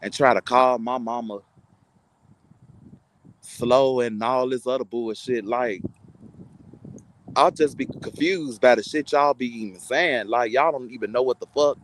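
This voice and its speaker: A man's voice: mid-range voice, slight background noise, poor audio. A content creator, a man, delivering a heated, insulting, mocking rant to his online audience.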